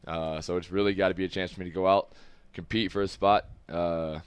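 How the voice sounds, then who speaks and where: In a relaxed studio interview with several people, an American football player in his twenties speaks candidly and rambles a bit. His low voice shows little pitch movement and moves a little fast, sounding smooth with no echo.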